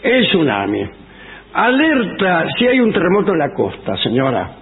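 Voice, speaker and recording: Man with lively high voice, mock-solemn. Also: normal speed. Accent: Argentine Spanish. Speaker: radio host. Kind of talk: comic radio banter, reading advice. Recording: phone-like radio broadcast.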